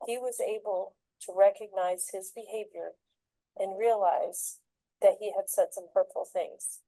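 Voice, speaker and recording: A woman who is a foster parent, calmly narrating a personal story in a measured way. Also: mid-range voice, no room sound, rough recording. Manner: calm, measured reflection.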